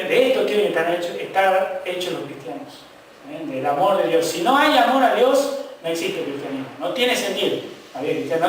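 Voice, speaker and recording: A man's voice: a little high, slight background noise. A man preaching a sermon as pastor in a Rioplatense Spanish accent, impassioned, with repeated refrains and frequent rhetorical "¿eh?" asides, recorded from a distance in a church. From Argentina. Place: church sanctuary. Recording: very echoey hall, mic far off.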